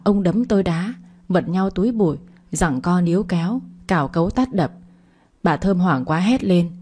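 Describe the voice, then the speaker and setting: A woman narrating a dramatic family story in a steady, earnest storytelling manner. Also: fairly low pitch.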